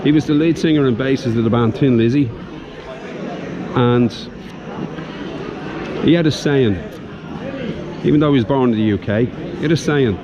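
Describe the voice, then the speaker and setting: A man with a Dublin Irish accent gives a casual, enthusiastic walking tour of his city for a vlog on a busy shopping street, often tagging phrases with "yeah." His mid-range voice moves at normal speed with frequent pauses. The lo-fi outdoor recording carries crowd chatter.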